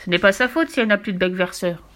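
A woman's voice: mid-range voice, lively intonation, fast talker, a bit bright, lightly acted. A woman voicing Fifi, a bold and mischievous young girl in a storybook reading. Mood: playful. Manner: cheeky, boastful, mischievous. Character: bold playful girl adventurer.

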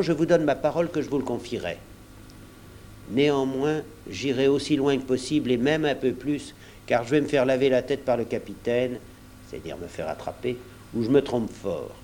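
A man's voice: medium pitch, warm tone, a little hiss or hum, lightly acted. Man playing an earnest, resolute doctor. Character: earnest middle-aged male doctor, resolute.

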